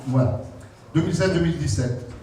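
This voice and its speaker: A man's voice: on the high side, lively intonation, fairly quick, warm tone, a little hiss or hum. A man announcing a tournament draw in a chatty way, with joking asides and restarts. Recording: echoey hall from far off.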